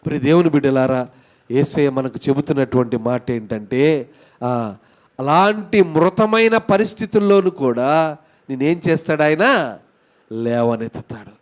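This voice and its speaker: A man's voice: on the high side, expressive, a little slow, pauses often. A man with a Telugu accent preaching a church sermon as pastor, rising in emphasis and asking his congregation questions.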